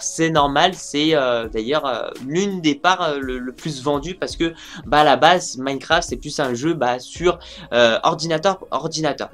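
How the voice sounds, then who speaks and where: A man's voice: fairly high pitch, fairly bright tone. A young man talking casually about game sales figures for his video channel, rambling with lots of fillers and restarts. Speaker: gaming news YouTuber.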